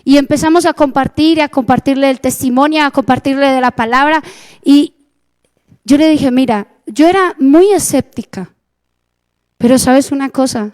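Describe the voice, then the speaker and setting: At a moderate pace, a Colombian woman with a high, slightly mellow voice preaches, telling her testimony in earnest and acting out what was said.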